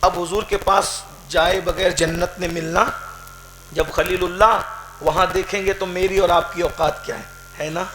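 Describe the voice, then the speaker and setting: A man preaching an impassioned sermon, swinging from shouted climaxes to quiet questioning. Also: high-pitched, steady tone, slight background noise. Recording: echoey hall with crowd.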